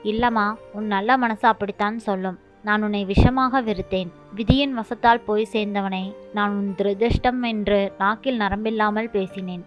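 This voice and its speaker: A woman's voice: mid-range voice, steady tone, normal speed, close to an everyday voice. A woman voicing a tearful older mother-in-law who pleads with regret. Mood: remorseful. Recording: dull lo-fi with faint music.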